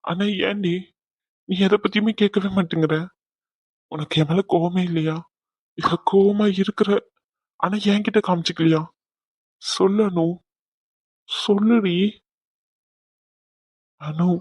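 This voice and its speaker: A woman voices a young husband in an audio drama, his tone low and husky. He speaks gently and pleads with emotion. The recording is close and dry. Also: fairly even intonation, slow, pauses often, dry recording. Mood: tearful, remorseful. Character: remorseful young husband, soft-spoken. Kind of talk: Tamil audio drama acting.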